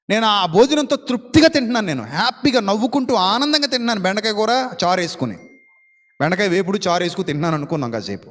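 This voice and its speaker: A man preaching a sermon, asking rhetorical questions and swinging between loud and soft. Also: sits high, big-room sound.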